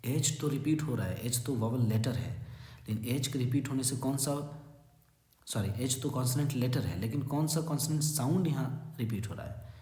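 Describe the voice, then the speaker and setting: A man's voice: medium pitch, normal speed, dark tone. A male English teacher explaining a poem step by step in a mix of Hindi and English, often asking his students "correct?" and often dropping to a near whisper at the end of a phrase. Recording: echoey room.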